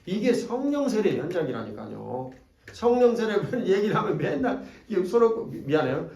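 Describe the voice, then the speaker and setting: Pastor with a Jeolla accent, slightly high voice, folksy and teasing sermon delivery, echoey hall, mic a bit distant. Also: male voice, big pitch swings, moderate pace, creaky, a little mellow. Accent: Jeolla Korean. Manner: folksy, joking, teasing the congregation. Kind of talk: sermon at a revival meeting. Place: church sanctuary.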